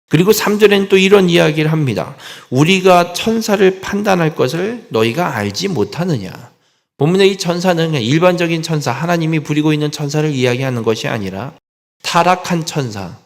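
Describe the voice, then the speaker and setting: Pastor preaching in a reverberant church. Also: male voice, on the high side. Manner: earnest preaching, reads scripture aloud, stresses key words. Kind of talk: expository sermon.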